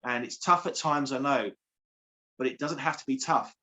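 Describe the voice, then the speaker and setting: A man's voice: medium pitch, normal speed, bright, forceful tone. A man, a coach speaking earnestly as an interview guest, repeating phrases for emphasis. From England. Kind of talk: heartfelt interview.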